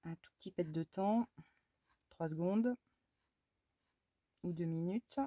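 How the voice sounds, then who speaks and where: Here a French crafter talks slowly in a fairly low, mellow voice as she scrapbooks, murmuring to herself and exclaiming when little things go wrong. Between steps she addresses her cat with affection, all in a relaxed vlog style. The recording has no room sound.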